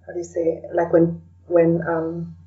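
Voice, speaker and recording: Her lowish voice is completely flat and a little slow. She's a middle-aged Kenyan-accented blogger and podcaster, a guest answering interview questions in a hesitant, contemplative way and often saying "you know," heard through a distant mic in dull lo-fi quality.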